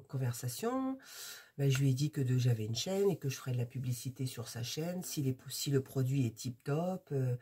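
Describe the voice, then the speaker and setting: A husky, warm-toned woman from France talks her viewers through an unboxing in a chatty, rambling way. She hesitates often and keeps the tone casual and friendly. Her voice is mellow and slightly breathy. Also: a bass voice. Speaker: crafts YouTuber.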